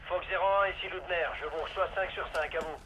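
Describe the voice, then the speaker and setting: A curt base radio operator, high sharp voice over a field radio, flat clipped procedure. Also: male voice, fast, highs cut off, slight background noise. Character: terse adult male radio base operator. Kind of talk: dubbed war film acting.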